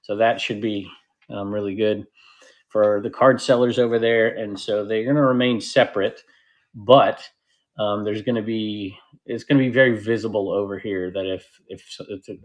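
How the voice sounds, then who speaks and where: A man hosting a casual livestream, rambling and interrupting himself, with sudden excited bursts. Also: fairly low pitch. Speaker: host of a live selling platform stream.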